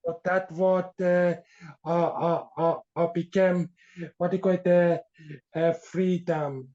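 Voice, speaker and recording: A man from Iran, an author being interviewed, speaking haltingly with frequent fillers as he searches for words. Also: high voice, level tone, darkish tone. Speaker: author guest. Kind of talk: podcast interview. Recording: dull lo-fi sound.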